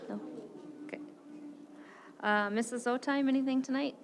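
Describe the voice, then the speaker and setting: A woman chairing a school board meeting, brisk and joking as she calls on members and runs the votes. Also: high voice, background noise.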